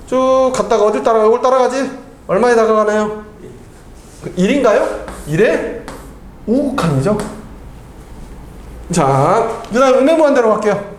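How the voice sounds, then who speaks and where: A man tutoring math, quizzing his student with constant tag questions and chatting casually between problems. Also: extremely high pitch. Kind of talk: tutoring lesson with casual chat. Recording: echoey room.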